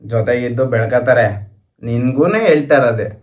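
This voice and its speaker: A man's voice: mid-range voice, moderate pace, a little mellow. A young man vlogger, repeating pleas and boasts as he argues with his partner on camera. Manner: pleading, repetitive, boastful. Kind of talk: couple prank vlog argument.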